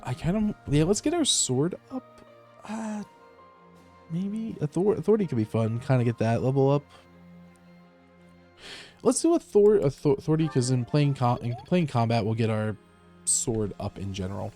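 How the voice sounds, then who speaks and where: Mellow man on a livestream headset mic. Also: mid-range voice, normal speed, pauses often, faint music behind. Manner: relaxed, rambling, many fillers and restarts. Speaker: streamer. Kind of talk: casual live gameplay commentary.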